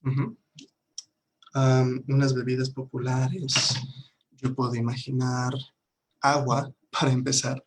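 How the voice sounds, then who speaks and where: A man's voice: medium pitch, completely flat delivery, slow pace, long pauses, slightly rough. A man teaching an online language lesson, patiently repeating words for his students to drill. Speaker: English teacher.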